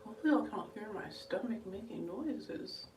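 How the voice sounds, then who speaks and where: A woman's voice: medium pitch, animated, normal speed, noisy background. Breathless, chatty woman in an echoey room. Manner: chatty, talks to viewers as y'all. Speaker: beauty livestreamer. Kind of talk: casual makeup tutorial chat. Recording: echoey room, voice slightly distant.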